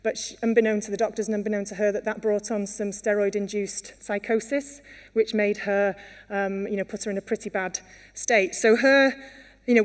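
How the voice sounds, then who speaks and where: A woman from Wales speaks earnestly at a conference in a mid-range, slightly mellow voice. Her talk is heavy with fillers and restarts, captured with the long reverb of the hall.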